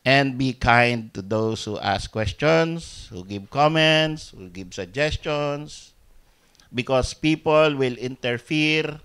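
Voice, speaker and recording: A Filipino-accented man preaching a sermon at an unhurried pace. He moves between quiet, almost murmured asides and loud, emphatic rises, mixing in English phrases. His pitch sits in a middle range. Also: expressive, smooth. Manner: switches between Tagalog and English, swinging from soft asides to loud emphatic peaks. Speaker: pastor.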